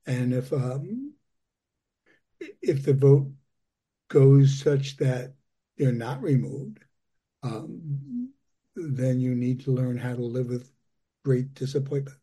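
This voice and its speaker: A man sharing casually at a recovery meeting, rambling with fillers and soft laughs. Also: mid-range voice, animated, slow pace, long pauses, slightly rough.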